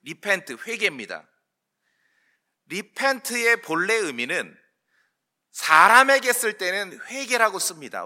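A man preaching a sermon, emphatic, addressing the congregation with questions and slowing on key words. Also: high voice, pushed and bright. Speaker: pastor.

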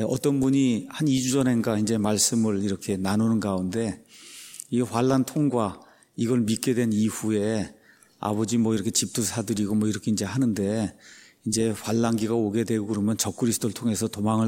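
A man's voice: fairly low pitch, mellow. A male pastor giving a sermon in a teaching tone, posing questions to his listeners and answering them himself.

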